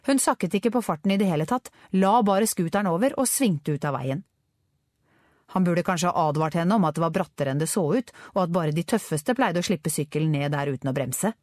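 A woman narrating a children's adventure story with expressive storytelling. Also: on the low side, no room sound, clean studio sound. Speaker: audiobook narrator. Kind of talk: scripted narration.

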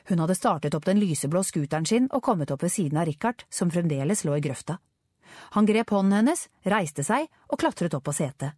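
Lively woman audiobook narrator. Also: lowish voice, slightly rough, no room sound, clean studio sound. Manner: expressive storytelling. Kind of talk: scripted narration.

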